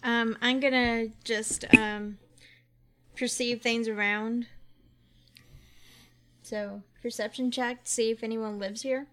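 A woman playing in a tabletop game, eager and chatty, often pausing on fillers. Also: a little high, steady tone, sharp tone. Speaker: player. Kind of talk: casual tabletop play.

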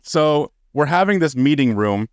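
A man co-hosts a casual podcast in an expressive, unhurried voice with a clean tone, recorded in a clean studio with no echo. He swears freely and launches into exasperated rants, and his profane outbursts get loud and high-pitched when he's fed up.

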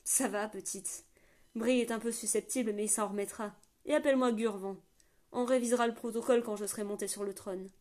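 A woman's voice: a little high, fairly even intonation, a little fast, a little mellow, close to an everyday voice. A woman voicing a hearty, bearded rebel prince, an older man who speaks grandly and rousingly. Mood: jovial.

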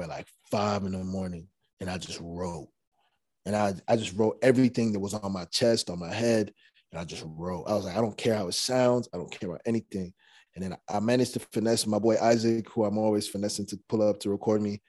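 A young rapper guest tells stories casually in an interview, relaxed and rambling, with plenty of fillers and restarts. His voice sits fairly low. The recording is clean studio sound with no echo.

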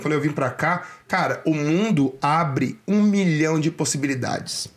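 A young Brazilian man with a voice on the high side talks directly to viewers, offering career advice in casual, slangy Brazilian Portuguese.

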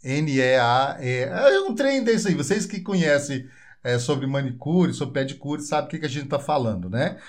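Casting: man, Goiás Brazilian accent, chatty joking podcast host, slightly high voice. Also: lively intonation, normal speed. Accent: Goiás Brazilian Portuguese. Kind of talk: casual interview chat.

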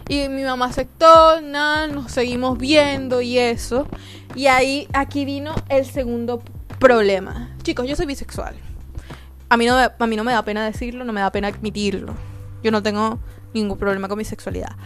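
A woman's voice: a little high, normal speed, soft background music. A young woman, casually telling a personal story on her podcast and acting out the voices she quotes. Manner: animated, acts out quoted voices, slangy. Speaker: podcast host.

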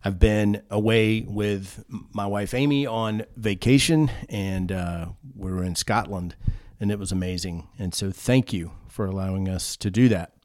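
A man giving a sermon as pastor, in an earnest, measured preaching manner with frequent restarts. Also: on the low side, darkish tone, no room sound, studio quality.

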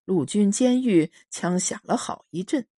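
A woman narrating a story aloud in a calm, measured storytelling manner. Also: mid-range voice, husky, no echo, clean studio sound.

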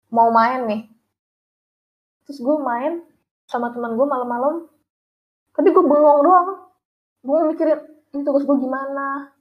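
A woman's voice: high-pitched, muffled recording. A young woman, casually telling her story in slangy talk and laughing often as an interview guest.

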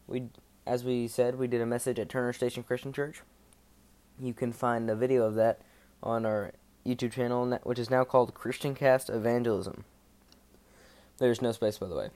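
A man speaking in a monotone, giving a casual devotional podcast talk in an informal, rambling way with halting self-corrections. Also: mid-range voice.

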